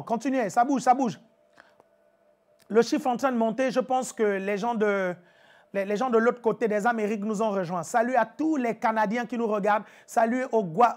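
A woman preacher delivers a live-streamed teaching sermon in a somewhat high voice. She keeps it animated and chatty, laughing easily and calling out to her viewers over and over.

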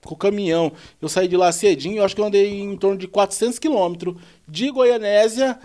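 Rambling storytelling man with a higher voice. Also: quick pace. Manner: rambling, animated retelling with quoted dialogue. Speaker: podcast guest; truck driver. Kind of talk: casual storytelling.

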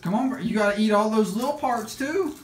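A woman's voice: a little high, a little fast. A woman chats casually and coaxes children along as the off-camera host of a family video, recorded on a phone in a bedroom. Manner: coaxing, urging. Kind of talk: casual family chat and encouragement. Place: small bedroom, indoors. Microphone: handheld phone camera. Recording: roomy, noisy home phone video.

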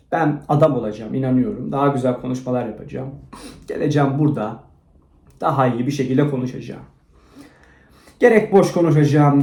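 A man hosting his own channel, rambling through a crude, self-mocking monologue that swings from low mumbling to loud rants. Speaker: channel host. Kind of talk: rambling motivational vlog monologue. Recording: roomy echo.

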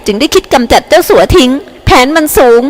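A hysterical middle-aged woman shrieks every line in a high, shrill, furious voice, as a woman narrator puts her on. She is hostile and accusing. Her voice rings in a long hall reverb, like a storybook reading. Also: lively intonation, fast. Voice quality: shrill, shouting.

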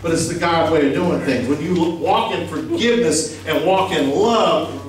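The sermon comes from a middle-aged pastor with a slightly high voice at a moderate pace, with a little background noise. He speaks emphatically and conversationally into a handheld mic, quizzing the congregation, and the small sanctuary sounds echoey from the distant camera.

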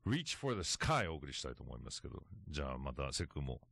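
A man hosting a radio show in a studio, relaxed as he reads out event details. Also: extremely low pitch, fast, creaky, dry recording. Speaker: radio host.

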